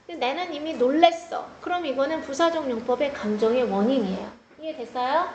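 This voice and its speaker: A woman's voice: high-pitched, fairly quick, a little mellow, muffled recording. A middle-aged woman teaching an English grammar lesson to a class. She explains step by step, tells the students to take notes and talks to them along the way. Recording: echoey classroom recorded from a distance with background noise.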